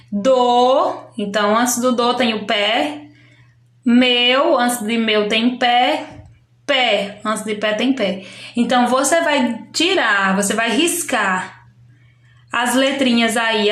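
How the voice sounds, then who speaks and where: A Brazilian woman talks through a primary school lesson at a very slow, patient pace, breaking words into syllables as she goes. Her voice sits a little high. The recording has a noticeable room echo. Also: fairly bright tone. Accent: Brazilian Portuguese. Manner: patient, spells out syllables, frequent "né" and "ó". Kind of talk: slow explanatory classroom lesson. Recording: echoey room.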